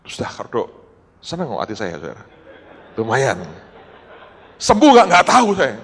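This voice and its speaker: A middle-aged male pastor preaches in a storytelling way and acts out the people in his story. His pitch rises and falls a lot, and his voice sits in the middle range. The sound carries a long reverb, as in a large church hall. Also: normal speed, a little hiss or hum. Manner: storytelling, animated, acts out quoted dialogue; addresses congregation as "saudara". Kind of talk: sermon.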